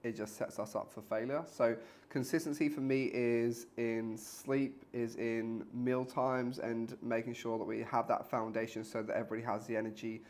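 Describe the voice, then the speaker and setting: A man's voice: mid-range voice, little pitch movement, moderate pace, few pauses, darkish tone. A man co-hosting a fitness podcast in a casual, talkative chat that sometimes speeds up and includes casual swearing. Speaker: podcast co-host, fitness trainer.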